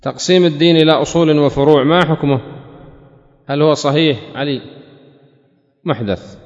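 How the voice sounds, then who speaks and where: A male religious teacher giving a question-and-answer lesson, asking each question twice before answering it in a measured, deliberate way. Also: a little high. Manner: asks questions twice, then answers them. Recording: reverberant hall, dull lo-fi sound.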